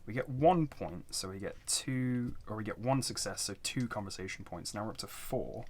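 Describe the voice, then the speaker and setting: A man's voice: on the low side, animated, normal speed, slight background noise. A man giving casual, unscripted commentary as he plays a board game, hesitantly talking himself through his choices. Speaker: solo board game player narrating a playthrough.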